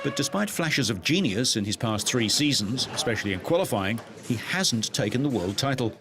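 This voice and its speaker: A man reading scripted motorsport news narration in a measured, even delivery. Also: mid-range voice, crowd noise. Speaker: news presenter.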